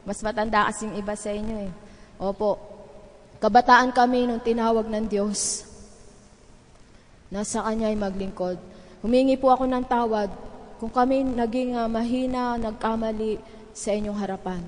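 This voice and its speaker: Woman pastor, middle-aged, fairly high voice, long church-hall reverb. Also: steady tone, normal speed, pauses often. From Philippines. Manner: earnest, conversational preaching with asides to the congregation. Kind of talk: sermon. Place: large church sanctuary.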